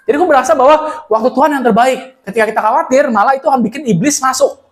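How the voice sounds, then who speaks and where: A man's voice: extremely high pitch, rapid-fire. Seorang pria muda berbagi firman di ibadah gereja dengan gaya santai, hidup, dan sering memerankan tokoh Alkitab dengan bahasa gaul. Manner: animated, acts out Bible scenes in slang. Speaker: church speaker. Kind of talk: casual sermon sharing.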